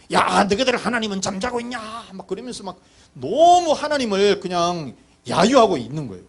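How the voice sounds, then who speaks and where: A man's voice: sits high, slightly rough. A male pastor preaching a sermon, who tells the story vividly, acts out the voices and asks the congregation questions.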